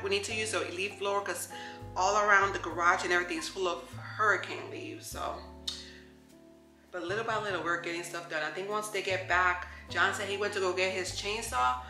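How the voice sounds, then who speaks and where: A woman's voice: mid-range voice, pushed and bright. Chatty woman vlogging in an echoey kitchen. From New York. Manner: chatty, upbeat, talks straight to the viewers. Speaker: lifestyle vlogger. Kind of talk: casual chat to camera. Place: home kitchen, indoors. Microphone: camera close on the counter. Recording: echoey kitchen with faint music.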